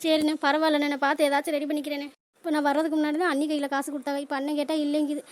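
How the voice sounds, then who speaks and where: A woman's voice: high voice, level tone, racing, lightly acted. A woman voicing a desperate sister who pleads for help, in a cartoon drama. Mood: pleading.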